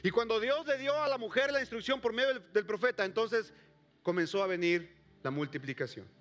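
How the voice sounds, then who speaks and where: A man preaching a sermon to a congregation, swinging from loud calls to hushed near-whispers and asking the listeners direct questions. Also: high voice, brisk. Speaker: pastor. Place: church service before a congregation.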